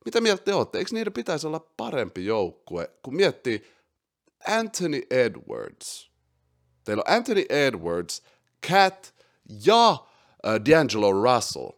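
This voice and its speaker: A man hosting a casual podcast, excitable, swinging between loud outbursts and quiet asides, dropping English slang into his talk. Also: mid-range voice, gravelly. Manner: mixes English slang into speech. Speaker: podcast host. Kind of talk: casual basketball chat.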